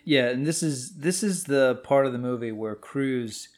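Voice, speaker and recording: Man, casual film chat, animated, jokey, mid-pitched voice. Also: normal speed. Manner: animated, jokey, mimics lines in high voice. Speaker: film podcast co-host.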